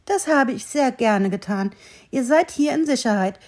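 Woman playing a little fir tree, gentle, welcoming, storybook. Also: sits high, expressive, moderate pace. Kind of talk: storybook reading.

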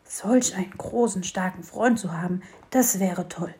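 A woman voicing a small, grumpy, excitable sparrow in a children's storybook, scolding and fretful. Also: lowish voice, measured pace. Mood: admiring.

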